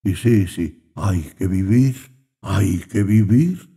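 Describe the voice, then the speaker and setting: Man reading as an old priest, low husky voice, slow, faltering, audiobook. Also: dark tone, full character voice. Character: grieving aged village priest, gentle.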